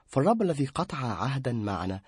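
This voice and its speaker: A man's voice: medium pitch, very animated, fast, a little mellow, slightly rough, no echo, clean studio sound. A man explaining a theological point in an earnest, formal manner.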